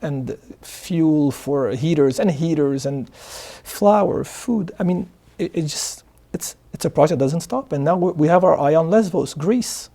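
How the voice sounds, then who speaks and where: A man's voice: a little high, unhurried, few pauses, warm tone. A man from Morocco, a guest answering interview questions in an earnest way, often repeating words as he starts sentences. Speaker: guest, charity founder. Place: studio.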